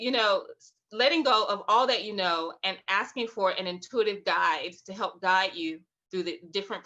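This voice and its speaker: A woman's voice: mid-range voice, pushed and bright, highs cut off. A woman leading an online writing workshop, encouraging, repeating phrases and laughing often. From Alabama, US South. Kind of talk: guided online workshop teaching. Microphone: video call.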